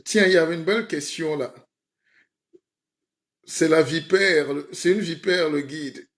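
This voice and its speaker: A man's voice: a little high, a little slow, a bit bright. A man playing a comic spiritual guide in a mock sermon on a live stream, playful and rhetorical, often asking his listeners "hein?". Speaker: comedic self-styled spiritual guide.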